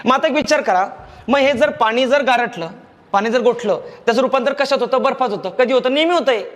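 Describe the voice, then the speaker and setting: A man's voice: very high-pitched, brisk, fairly bright tone, big-room sound. A man with a Marathi accent teaching a grammar lecture, explaining patiently, repeating key phrases and checking that students follow. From India.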